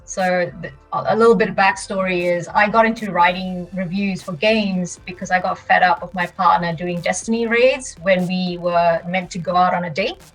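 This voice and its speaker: A young woman from Malaysia tells her stories in a lively, easy way and often laughs. She sounds a little distant from the mic. Soft music plays underneath. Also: fairly low pitch, moderate pace, few pauses. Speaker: podcast guest. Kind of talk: casual storytelling interview.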